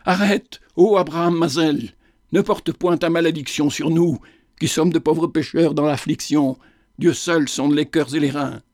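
A man voicing a gentle, pious young woman who pleads. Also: a little high, steady tone, a little slow, no echo, clean studio sound, close to an everyday voice. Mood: pleading.

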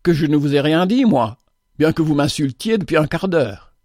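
A man's voice: fairly high pitch, normal speed, dry recording, lightly acted. A sly bookkeeper answers in a level, composed voice, as a male reader puts him on. The sound is dry and close. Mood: calm. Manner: calm, composed.

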